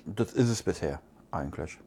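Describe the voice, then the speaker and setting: A man, co-hosting a casual cigar review chat, relaxed and musing with fillers. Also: low-pitched, normal speed, slightly rough. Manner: relaxed, chatty, muses with fillers. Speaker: podcast co-host.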